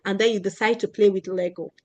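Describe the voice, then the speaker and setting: A woman's voice: medium pitch, steady tone, fast, a little mellow. A woman teaching a class of children. She repeats her key points, checks in often with "right?" and "okay?", and asks questions that she then answers herself. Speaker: children's values coach.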